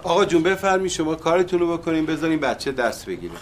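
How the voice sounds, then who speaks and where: A man's voice: a little high, lively intonation, slight background noise, natural voice. An actor playing a man in a TV sitcom who scolds his relatives and chimes in with approval. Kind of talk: TV sitcom acting.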